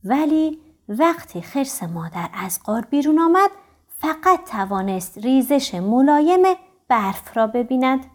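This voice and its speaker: A woman reading a children's storybook aloud with gentle, expressive storytelling. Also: sits high. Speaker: audiobook narrator for children.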